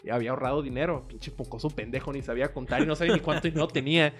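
A man's voice: mid-range voice, steady tone, racing, fairly bright tone, faint music behind. A man with a Mexican accent joking on a podcast, full of crude slang and self-mockery. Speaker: podcast co-host. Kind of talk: casual podcast chat.

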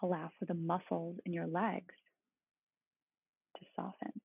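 Calm, creaky meditation guide with husky voice. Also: medium pitch, measured pace. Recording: roomy, phone-like thin sound.

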